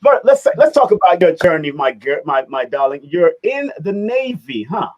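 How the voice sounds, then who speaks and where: Middle-aged guy hosting, chatty and animated, repeats himself a lot, kinda high voice. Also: moderate pace, dull audio. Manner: animated, repeats words, laughs often. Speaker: host. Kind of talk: casual interview chat.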